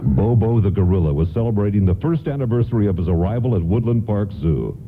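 A man narrating a scripted radio play in a measured storyteller's manner. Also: on the low side, lively intonation, narrow, tinny audio. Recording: band-limited vintage radio sound, faint noise.

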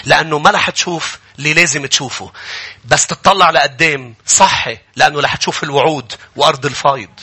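A man with a Lebanese accent, a pastor delivering an animated sermon and acting out grumbling people. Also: fairly high pitch, quick pace, husky.

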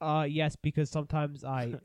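A man playing a tabletop game, improvising in a casual, deadpan way with crude jokes. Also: fairly high pitch, moderate pace, smooth, no echo. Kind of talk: casual improvised role-play chat.

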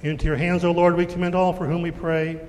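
A man's voice: a little high, flat delivery, a little mellow. Man praying with a cathedral echo. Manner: measured, solemn liturgical reading. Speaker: worship leader. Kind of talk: reading the prayers of the church. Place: church sanctuary. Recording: long echo of a large church.

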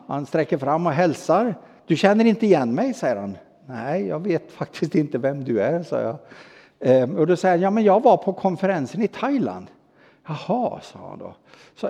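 A man's voice: medium pitch, dark tone, slightly rough. Swedish-speaking man preaching in a reverberant hall. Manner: personal anecdote told with hesitations and quoted dialogue. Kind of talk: sermon storytelling.

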